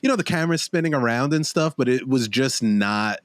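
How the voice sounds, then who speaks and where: A man's voice: medium pitch, a little fast, dry recording, studio quality. A man co-hosting a podcast, talking through an action movie in a rambling, casual way with lots of restarts. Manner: rambling, restarts often, animated quotes. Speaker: podcast co-host. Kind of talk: casual film review chat.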